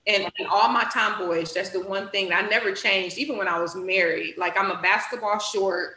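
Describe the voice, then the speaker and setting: Woman, interview guest, lively personal storytelling, acts out her reactions, laughs a lot, mid pitch, echoey room. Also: moderate pace, a little hiss or hum. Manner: animated, acts out her own reactions with big pitch jumps; laughs often while talking. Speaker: guest, youth literacy director.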